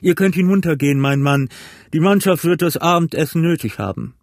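A man's voice: on the high side, fairly quick, no room sound, clean studio sound, pitched above the performer's own voice, lightly acted. A man voicing a stern, curt ship captain in an audiobook reading, clipped and commanding.

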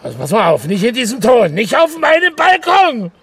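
A man's voice: extremely high pitch, huge pitch swings, normal speed, fairly bright tone, full character voice. An actor playing a stubborn balcony owner in a radio drama who tells tall tales and bosses his friend around. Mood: furious. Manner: gruff, possessive, bossy.

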